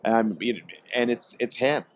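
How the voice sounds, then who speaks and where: A man from Portland, Oregon, guest on a podcast, speaking hesitantly with many pauses and fillers. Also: medium pitch. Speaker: guest, tobacco company executive. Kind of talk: casual podcast interview. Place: trade expo.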